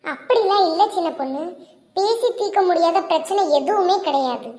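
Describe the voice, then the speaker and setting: A gentle, high-voiced cartoon sister-in-law who speaks softly and patiently and coaxes the others to calm down, voiced by a woman. She is measured and soothing. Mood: coaxing. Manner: soft, soothing, slow.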